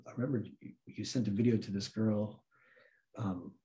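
An American man who grew up in Santa Cruz, California, and works in film tells a personal story as an interview guest, casually acting out quoted dialogue with animation. His voice is lowish at a moderate pace, and the recording quality is low.

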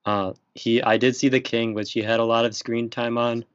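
A man's voice: mid-range voice, flat delivery, moderate pace, clean tone, no echo. A young man chatting casually on a podcast, rambling and hesitant with lots of fillers. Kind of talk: casual chat. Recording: dry, muffled lo-fi audio.

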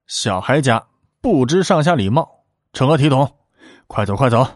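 A man's voice: medium pitch, expressive, measured pace, no room sound, studio quality, pitched below the performer's own voice, natural voice. A man voicing a nervous, fawning middle-aged official who speaks humbly and over-politely. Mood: flustered.

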